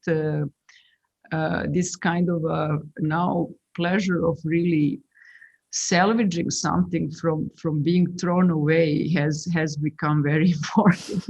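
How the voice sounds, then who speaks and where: A woman's voice: deep voice, steady tone, slow, a little mellow, slightly rough. A woman, an architect speaking hesitantly on a video call, with many fillers and restarts. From Serbia. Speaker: architect guest. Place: small room indoors. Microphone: laptop on video call. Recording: muffled video call audio.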